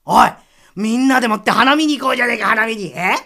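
A woman's voice: a little high, fast, creaky, pushed and bright. A woman voicing a brash male Edo townsman calling his friends out. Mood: excited. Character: rowdy male Edo townsman, eager party-goer.

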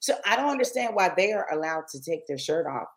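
A woman with a fairly low voice that still moves a lot jokes with her co-hosts and presses them with questions. She talks in an easy, casual way. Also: big pitch swings. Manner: teasing, questioning, quick laughs. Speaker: podcast co-host. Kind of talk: casual chat.

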